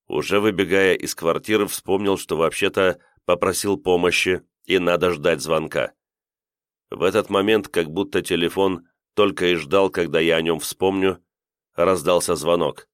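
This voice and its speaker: A man's voice: deep voice, fairly even intonation, normal speed, clean tone, no echo, studio quality. A man narrating a first-person audiobook in a terse, tense manner.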